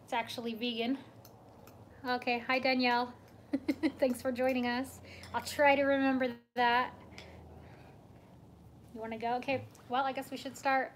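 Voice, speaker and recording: A young woman hosts a casual livestream from home, her voice sitting a little high. She chats easily, greets viewers by name and laughs between sentences, with a faint hum of room noise behind her. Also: flat delivery, normal speed, pauses often. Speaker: vlog host.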